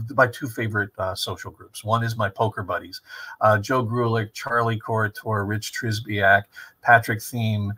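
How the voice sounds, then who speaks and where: A man in his fifties with a husky voice gives an informal online lecture in a rambling, reflective, professorial way. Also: fairly low pitch, sharp tone, low-quality recording. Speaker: theater director giving a talk. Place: small room with brick wall and window, indoors.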